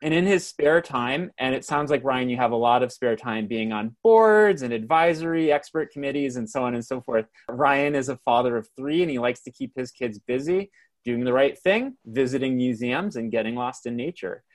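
A man in the host's seat of an online panel, reading introductions and questions in an even, measured, announcer-like voice. His pitch sits in an ordinary middle range, and he sounds like he is on a video call. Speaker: host and moderator. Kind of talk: scripted introductions and interview questions.

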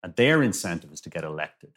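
Male discussion guest, lowish voice, emphatic delivery with repeated phrases and halting restarts. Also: very animated, fairly bright tone. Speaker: guest author. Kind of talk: conversational discussion.

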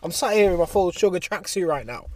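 A man's voice: high voice, expressive, fast talker, darkish tone, far from the mic. A British man hosting a casual, slangy sports podcast, recorded out in a car park. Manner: informal, slangy. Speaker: podcast host.

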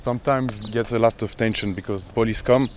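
A man with a lowish voice speaks in slow, halting English, leaning on fillers as he talks about working with local kids. He is outdoors, with light background noise. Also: steady tone. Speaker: youth worker. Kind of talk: casual interview. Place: outdoors in a neighbourhood.

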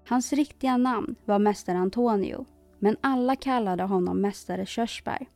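Expressive woman reading a children's story. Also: a little high, dry recording. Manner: expressive, emphatic repetition.

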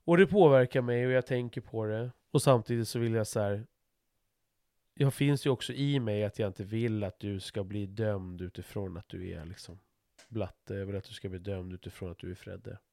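A man's voice: fairly low pitch, gravelly, warm tone, no room sound, studio quality. A middle-aged man talking frankly in a casual conversation, swearing freely and restarting his sentences as he thinks aloud.

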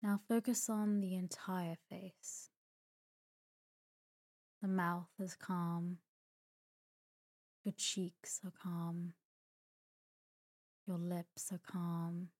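Guiding listeners toward sleep, this female podcast host reads a slow scripted meditation in a soft, breathy voice that is low-pitched and very mellow, at times almost whispered. She sounds calm and soothing, pausing gently with an even, unhurried melody.

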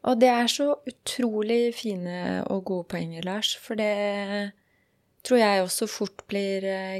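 A woman hosting a relaxed podcast conversation, chatty, with personal asides and easy laughs. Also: fairly low pitch. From Norway. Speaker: podcast host.

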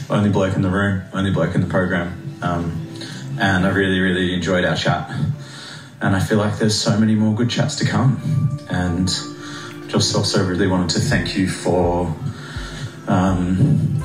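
A man leaving a hesitant, heartfelt voicemail message over a phone line, full of ums. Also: sits low. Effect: voicemail played back over a phone line. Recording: echoey phone message with music behind.

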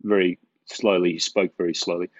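A middle-aged camera operator tells stories in a casual interview, rambling and repeating words with self-deprecating humor. His deep voice barely moves in pitch and runs fairly quick. The recording is dry with no echo, dull and lo-fi.

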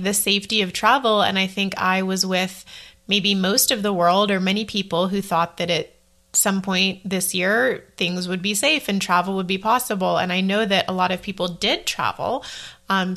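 Woman, 30s, solo podcast host; bright tone, easygoing ramble with self-corrections. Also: medium pitch. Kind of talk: casual solo podcast chat.

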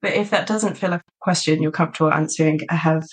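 A woman's voice: low voice, fairly even intonation, fast talker, husky. Chatty, enthusiastic woman podcast co-host. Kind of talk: casual podcast chat. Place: lives in a small market town in south-west England.

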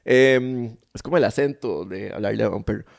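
A man's voice: lowish voice, moderate pace, vocal fry. A man with a Costa Rican accent hosting a casual podcast chat, telling stories in a playful way. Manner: playful storyteller, laughs often. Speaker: podcast host.

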